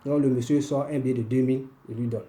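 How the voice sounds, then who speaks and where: A man from the country's northwest, hosting a weekly language lesson and telling a story at an unhurried pace with many filler pauses. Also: mid-range voice, steady tone, dark tone. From northwest Côte d'Ivoire. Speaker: host and language teacher.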